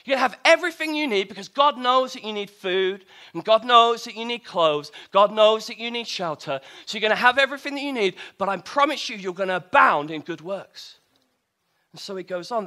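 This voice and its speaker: Lively, bright-voiced male preacher. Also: high voice, a little fast. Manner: conversational, rhetorical questions. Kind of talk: sermon.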